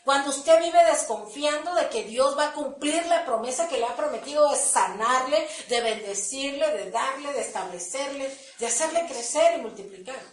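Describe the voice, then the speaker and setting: Woman preacher, high voice, animated testimony, heard from a distance in an echoey room. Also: normal speed, hardly any pauses. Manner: animated, acts out dialogue with God. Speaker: church speaker giving testimony. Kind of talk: sermon testimony.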